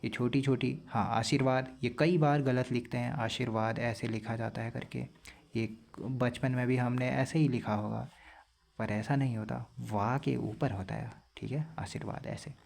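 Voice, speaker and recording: A young man teaching a casual spelling lesson for exam prep, explaining plainly and repeating words slowly to correct them. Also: medium pitch, steady tone, gravelly, darkish tone.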